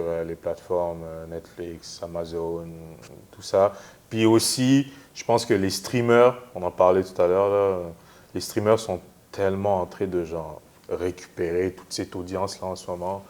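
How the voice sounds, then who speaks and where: Low-voiced man in his thirties. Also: steady tone, moderate pace, a little mellow. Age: 30s. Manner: opinionated, teasing, mixes in English. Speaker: podcast co-host. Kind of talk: casual chat.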